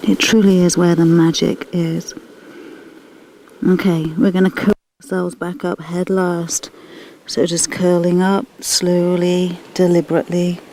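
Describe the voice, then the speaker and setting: A woman's voice: on the low side, little pitch movement, measured pace, dark tone, slight background noise, low-quality recording. Woman yoga teacher, encouraging and informal. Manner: encouraging, informal, chatty asides. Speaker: kundalini yoga instructor. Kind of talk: guided yoga class instruction.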